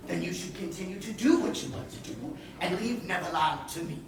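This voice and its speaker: An actor on stage playing a scheming, smug pirate captain, grandiose and wry, with deliberate emphasis. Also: male voice, sits high, animated. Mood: persuasive. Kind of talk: projected stage-play acting. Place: indoor playhouse stage. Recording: echoey theatre, far mic, faint noise.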